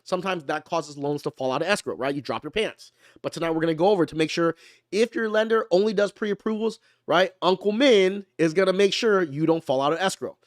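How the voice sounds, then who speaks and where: Chatty man with a higher voice. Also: brisk, dry recording, studio quality. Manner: conversational, keeps asking "right?"; slangy and playful. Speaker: mortgage lender hosting a live stream. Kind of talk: casual explainer talk.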